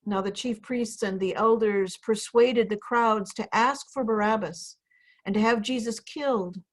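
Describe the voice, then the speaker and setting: Higher-voiced woman reading scripture. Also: unhurried. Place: indoor room, on a video call. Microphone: video call.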